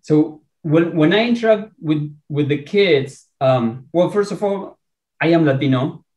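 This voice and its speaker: An Argentine researcher, a man with an Argentine Spanish accent, is a guest on a podcast interview, speaking enthusiastically but haltingly with many restarts. His voice is fairly high and darkish, and the recording sounds echoey with the highs cut off.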